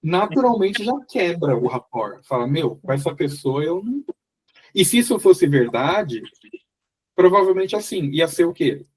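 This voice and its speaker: A man's voice: fairly high pitch, very animated, measured pace, breathy edge. A man with a Brazilian Portuguese accent leading a casual mentoring session over a video call, rambling and repeating his words. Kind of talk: casual group mentoring chat.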